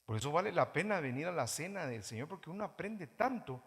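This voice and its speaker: Guatemalan pastor guy preaching, voice jumps up and down a lot, mocks his people, big echoey church. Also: brisk. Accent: Guatemalan Spanish. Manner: animated preaching, mimics churchgoers in high mocking voices. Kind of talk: sermon. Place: church hall. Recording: reverberant church hall.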